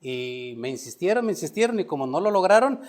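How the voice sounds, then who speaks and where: A man preaching a sermon, moving from quiet storytelling to loud emphatic peaks and calling listeners "brother". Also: high voice, very animated, brisk. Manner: addresses listeners as "hermano". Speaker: pastor.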